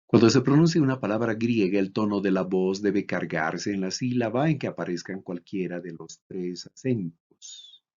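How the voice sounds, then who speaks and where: A man from Bolivia giving a recorded lecture, reading out examples slowly and deliberately. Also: low-pitched, a little mellow, slightly rough. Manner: slow, deliberate, reads out examples. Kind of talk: recorded lecture on Greek accents. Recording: dull lo-fi recording.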